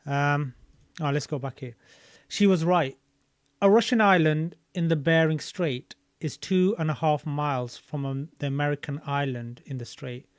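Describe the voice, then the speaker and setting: A man's voice: on the high side, normal speed, clean tone, no echo. Give me a man chatting loosely as he reads, with a dry, close sound. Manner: thinking aloud while searching maps and videos, loose and chatty. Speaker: streamer reading a book aloud. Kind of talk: casual reading and commentary.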